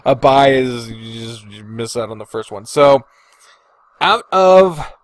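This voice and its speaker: Taking his time, this man uses a medium-pitched, expressive voice as he hosts a podcast by himself. He ranks things casually, talking loosely and thinking aloud, with no echo in the recording.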